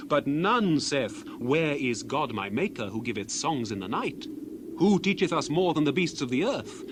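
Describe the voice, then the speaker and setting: An actor playing Elihu as an earnest, indignant biblical orator, declaiming dramatized scripture in a solemn, rhetorical way. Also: male voice, medium pitch, natural voice. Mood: stern, questioning. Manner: solemn, declamatory, rhetorical, swinging from hushed to loud. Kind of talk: dramatized King James scripture reading. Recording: clear background noise, outdoor bird ambience.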